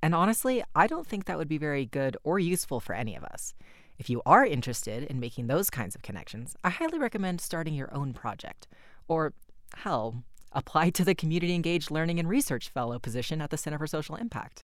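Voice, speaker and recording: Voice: medium pitch, sing-song, quick pace, no echo, studio quality. A podcast host reading a scripted introduction and then asking interview questions in an earnest, conversational way.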